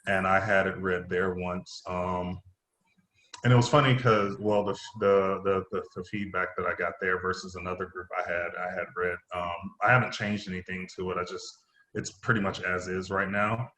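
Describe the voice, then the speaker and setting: In a casual chat about his writing, this playwright and acting teacher speaks in a low, sharp voice with fairly even intonation at normal speed. The remote call sounds roomy and faintly noisy.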